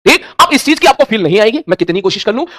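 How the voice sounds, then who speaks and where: Racing through his physics lecture, the teacher sounds very animated, his high voice pushed and bright. He mixes Hindi with English terms and stages his students' questions as dialogue, all in clean studio sound without room echo.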